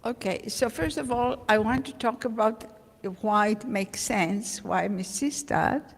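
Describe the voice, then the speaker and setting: A woman presents her art practice at a symposium, unhurried and measured, pausing on ums. Her voice sits a little high with a gravelly edge. The sound carries the long ring of an echoey hall. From Greece. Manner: measured, with frequent ums and uhs. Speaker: invited artist. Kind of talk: symposium talk.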